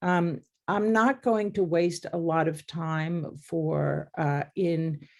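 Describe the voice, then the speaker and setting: A woman hosting a webinar, speaking in a halting way with many fillers and restarts. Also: low-pitched, steady tone. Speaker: webinar host.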